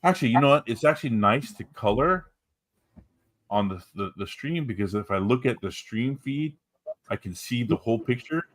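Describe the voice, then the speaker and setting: A man's voice: mid-range voice, expressive, moderate pace, no echo. A man co-hosting a casual art stream, talking about coloring with dry sarcastic humor on a desk microphone. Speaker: co-host and colorist.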